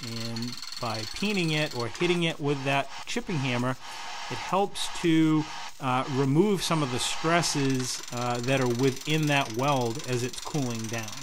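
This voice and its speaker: Man, instructive voice-over, methodical and steady, noisy background hum. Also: mid-range voice, measured pace. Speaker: welding channel host. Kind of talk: explanatory voice-over.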